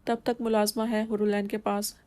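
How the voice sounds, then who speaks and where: A woman's voice: medium pitch, flat delivery, darkish tone, close to an everyday voice. A woman voicing a mischievous young woman who talks in a playful, teasing way.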